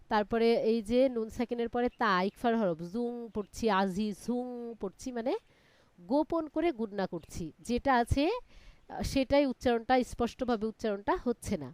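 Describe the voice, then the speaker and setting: A woman's voice: fairly high pitch, normal speed, darkish tone, clean tone, no room sound. A woman teaching Quran reading in a live online class, chanting Arabic letters syllable by syllable and explaining recitation rules. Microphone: online class call.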